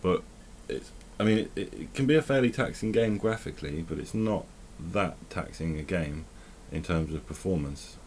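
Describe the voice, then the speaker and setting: Low-voiced man rambling over gameplay. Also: lively intonation, moderate pace, few pauses, slight background noise. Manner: rambling, self-correcting, thinking aloud while playing. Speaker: tech vlogger. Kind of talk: casual gameplay commentary.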